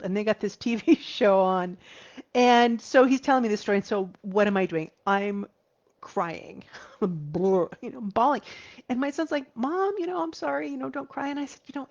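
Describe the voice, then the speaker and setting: A woman in her forties, a grief therapist, speaking earnestly to viewers, slowing down and dropping to a soft whisper for emphasis. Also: medium pitch. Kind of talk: heartfelt talk to viewers. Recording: slightly dull lo-fi recording.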